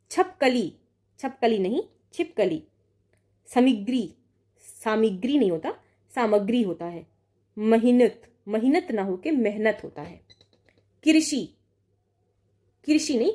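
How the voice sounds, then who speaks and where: A woman's voice: a little high, warm tone. A young woman teaching an online exam-prep lesson, reading out word pairs and correcting each one with frequent check-ins. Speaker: Hindi exam tutor.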